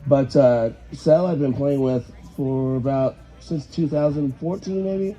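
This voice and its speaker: Hoarse male band singer, very mellow tone, voice almost gone, casual interview chat. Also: medium pitch, a little slow, highs cut off, faint music behind. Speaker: band lead singer and rhythm guitarist.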